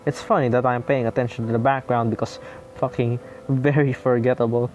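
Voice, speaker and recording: Profane, excitable man reading a game aloud. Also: mid-range voice, a little fast, faint music behind. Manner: profane, excitable, self-mocking. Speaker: gamer playing a visual novel. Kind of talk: reading game text aloud with casual commentary.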